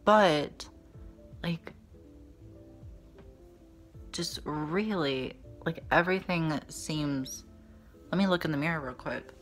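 Taking it slowly with long pauses, a beauty vlogger in their twenties talks in a bit bright, mid-range voice. The casual makeup review to camera has a sassy, slangy drag queen manner, recorded in a small indoor room set up for filming over background music.

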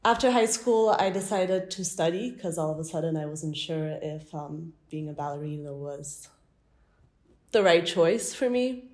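Low-voiced young woman telling her story. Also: a little slow. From France. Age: young adult. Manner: relaxed storytelling with light laughs. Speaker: artist guest. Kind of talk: interview answers. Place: art gallery, indoors.

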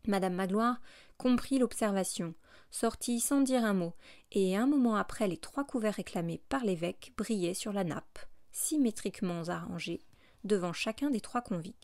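A woman reading a classic novel aloud as an audiobook narrator, in a steady, measured way. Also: mid-range voice, dry recording, studio quality.

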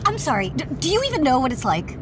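An actress voices a bitter, foul-mouthed fourteen-year-old girl in an audio drama, speaking high and fast with huge pitch swings. Angry and exasperated, the character is blunt and sarcastic in teenage slang, acted in a naturalistic scripted style. Noisy outdoor ambience with passing vehicles fills the background.

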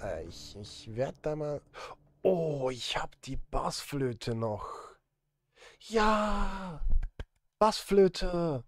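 Working on music from an indoor streaming setup, a film composer from Switzerland chats casually with his live-stream audience and makes self-deprecating jokes. His voice is a little high, and the recording is dry, with clean studio sound.

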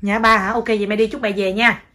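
A woman's voice: medium pitch, level tone, quick pace, bright, forceful tone. A woman with a Southern Vietnamese accent, a mother at home teasing and coaxing her toddler in a casual vlog. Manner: playful, teasing, coaxing baby talk.

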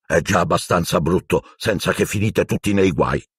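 A man reading an audiobook voices a huge, gentle gamekeeper who speaks slowly and gravely in a rough voice. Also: deep voice, dry recording, studio quality.

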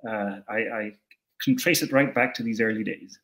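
A man's voice: fairly low pitch, normal speed, fairly bright tone. A young Scottish man answering interview questions on a video call, thoughtful and hesitant with many fillers and restarts. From Scotland. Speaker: interview guest. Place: indoor room at home.

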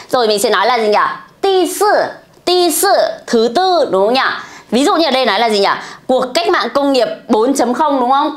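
A Vietnamese woman teaching a lesson, asking questions and answering them herself, drawing out the words she models. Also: on the high side. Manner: asks and answers her own questions, playful. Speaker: Chinese teacher. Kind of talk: online language lesson.

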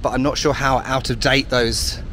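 Walking outdoors through a city, a man from the UK delivers casual, wry travel-vlog commentary, often poking fun at himself. He has a mid-range voice with a steady, sharp tone and a moderate pace, while faint traffic and street sounds carry in behind him.

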